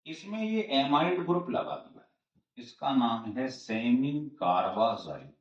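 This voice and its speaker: Slow-talking man teaching chemistry. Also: medium pitch, animated. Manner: repetitive step-by-step explaining, asks and answers himself. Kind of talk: classroom lecture. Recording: roomy, distant and dull-sounding.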